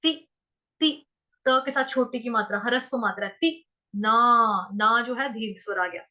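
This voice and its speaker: A woman teaching how to chant verses, reciting slowly and breaking words into syllables to repeat them. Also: fairly high pitch, bright, forceful tone, dull audio. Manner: slow, drawn-out chanting of verses. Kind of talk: Sanskrit recitation lesson.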